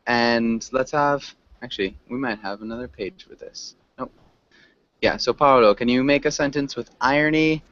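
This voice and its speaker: A man leads an interactive online vocabulary class for a video group, encouraging students and prompting them with questions. His mid-range voice is fairly bright at a moderate pace, heard through dull, lo-fi call audio.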